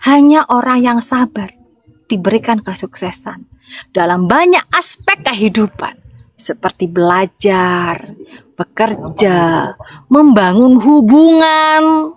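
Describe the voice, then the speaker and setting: A woman's voice: mid-range voice, slow pace, no echo, low-quality recording. A woman from Madura with a Madurese accent, giving an informal, chatty sermon that keeps calling out to her listeners for responses. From Madura, Indonesia. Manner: lively, chatty preaching with call-and-response to listeners. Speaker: evangelist.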